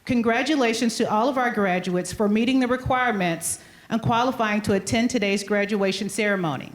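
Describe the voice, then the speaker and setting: A woman principal giving a measured, formal podium speech, reading a scripted ceremonial welcome. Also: on the high side, rough recording. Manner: formal, measured address to an assembly. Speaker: high school principal.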